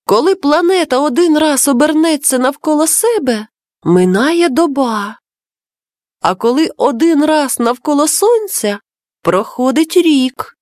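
A woman's voice: high-pitched, lively intonation, measured pace, darkish tone, no echo, clean studio sound. A woman voicing a clever, bossy little boy in a storybook reading, eagerly explaining things to his friend.

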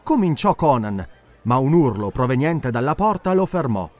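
A male audiobook narrator telling an adventure story with lively, animated delivery. His pitch sits in the middle and rises and falls widely to build the action. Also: moderate pace, soft background music.

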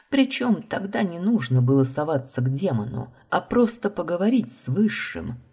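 A woman's voice: low-pitched, mellow, slightly rough, heavily acted. A woman reading as a heartbroken young heroine. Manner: pleading, tearful, rising to outbursts.

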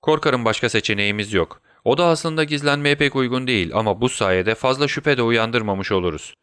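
A man's voice: mid-range voice, fairly quick, fairly bright tone, clean tone, dry recording, clean studio sound, lightly acted. A man voicing a sick, feverish male detective in a storybook reading, urgent and conspiratorial.

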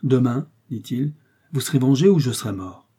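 A man's voice: medium pitch, animated, normal speed, warm tone, husky. A man reading D'Artagnan, an ardent young swordsman. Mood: resolute.

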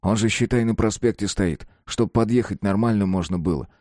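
A man's voice: on the low side, a little fast, mellow, no echo, studio quality, natural voice. A man doing an earnest teenage boy. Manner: short clipped answers.

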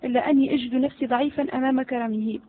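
A woman reading the part of a cunning male servant who flatters his master. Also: high-pitched, rapid-fire, slight background noise, close to an everyday voice. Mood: sly. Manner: flattering, sly. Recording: phone-like narrow audio.

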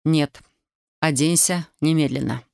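A woman reading aloud, voicing a stern, angry young soldier husband in clipped, gruff, lowered tones. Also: a little slow, darkish tone, dry recording, studio quality.

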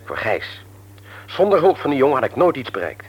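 In a Dutch radio play, a male actor with a husky, mid-range voice plays a self-pitying, self-satisfied husband and office boss. He speaks fairly quickly in a sing-song way, and the audio is dull.

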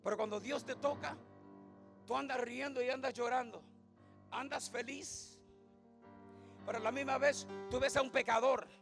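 A man's voice: very high-pitched, fairly even intonation, normal speed, vocal fry, long pauses, soft background music. A man preaching a comic sermon as pastor, telling jokes, acting out stammering voices and calling out to the congregation. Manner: joking, acts out stammering voices; loud preaching with audience asides.

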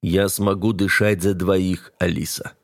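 In a low, steady, unhurried voice, a man plays a cold, domineering heir to the throne, who is also the narrator. He sounds commanding as he delivers level, menacing warnings.

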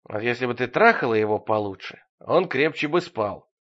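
A smooth, scheming man coaxes with false tenderness, and his pitch swings widely, as a male audiobook reader puts him on. The recording is dull and lo-fi. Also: animated, moderate pace, close to an everyday voice. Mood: contemptuous.

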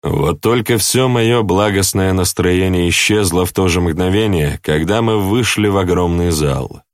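A man narrating a story in the first person, in a steady, wry reading voice. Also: low voice, a little slow, dry recording, clean studio sound. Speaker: audiobook narrator.

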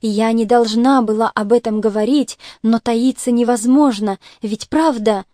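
A cool, reserved young noblewoman, read by a woman in an audiobook. She speaks with restraint and quiet defiance in a mellow, fairly high voice. The sound is close and dry. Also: fairly even intonation, unhurried, no echo, natural voice. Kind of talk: audiobook character reading.

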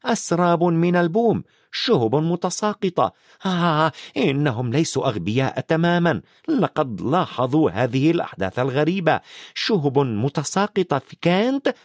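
A man's voice: fairly high pitch, sing-song, moderate pace, no room sound, clean studio sound, pitched above the performer's own voice. A man voicing a strict, impatient older witch professor in a storybook reading, talking sharply and fretfully.

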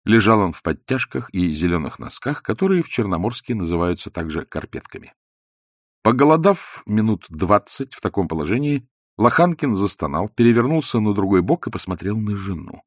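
Man, audiobook narration, low voice, animated intonation. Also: no echo, clean studio sound. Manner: expressive, measured storytelling. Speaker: audiobook reader. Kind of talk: scripted narration of a novel.

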